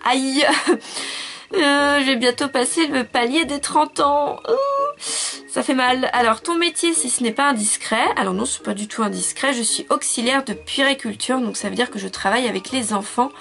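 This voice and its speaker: Chatty young woman, slightly high voice. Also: moderate pace, vocal fry. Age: 20s. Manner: chatty, animated, frequent fillers and self-corrections. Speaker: YouTuber answering viewer questions. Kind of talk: casual chat.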